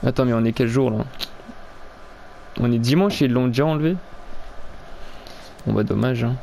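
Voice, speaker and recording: A man's voice: mid-range voice, moderate pace, gravelly, mellow, slight background noise. A young man chatting casually while playing a video game, rambling, stumbling over his words and swearing now and then. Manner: crude slang and swearing. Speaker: gaming video creator.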